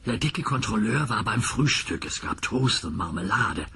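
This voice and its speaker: A man giving scripted, expressive storybook narration for a children's show. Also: fairly low pitch, normal speed, gravelly, slight background noise.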